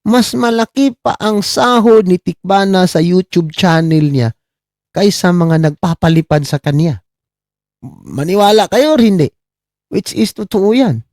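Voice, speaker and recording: A middle-aged man from the Philippines doing casual live-stream commentary, mocking his subjects, asking "di ba?" again and again and giving shout-outs to viewers. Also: high-pitched, lively intonation, a little slow, no room sound, clean studio sound. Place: abroad, talking on a live stream.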